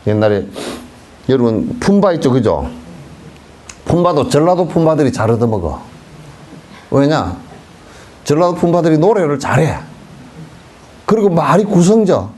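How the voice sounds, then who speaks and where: A man's voice: fairly high pitch, sing-song, moderate pace, pauses often, a little mellow. A middle-aged man, a Buddhist monk, giving a casual sermon and telling folksy stories, sometimes acting out voices. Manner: folksy storytelling, acting out beggars' songs and dialect.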